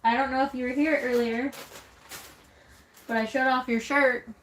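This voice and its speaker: A woman's voice: high voice, fairly even intonation, normal speed, a bit bright. A woman who grew up in Texas, speaking with a Texan accent, chatting casually on a live stream and reading viewer comments aloud with frequent "um"s. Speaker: vlogger reading live chat.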